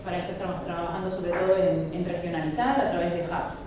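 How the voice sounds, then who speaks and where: A woman's voice: on the low side, steady tone, fast. A woman with an accent from Spain speaking unscripted as an expert panelist, using business jargon. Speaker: expert panelist, IT operations manager. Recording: very echoey hall, distant, noisy.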